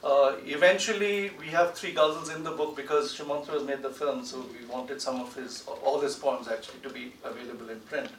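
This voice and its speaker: A middle-aged poet, translator and book editor speaks and reads poetry on a panel at a public event in a large indoor lecture theatre. His medium-pitched voice is steady, a little fast and barely pauses. A desk gooseneck mic picks him up from a distance in the roomy hall, with faint noise.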